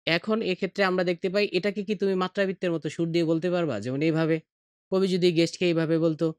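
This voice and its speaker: A middle-aged Bangladeshi Bengali man explains poetry like a patient teacher, sometimes slipping into slow, heartfelt recitation. His voice sits a little high for a man. It is close and dry, with no room sound at all. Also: steady tone, smooth, no room sound. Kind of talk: explanatory lesson podcast.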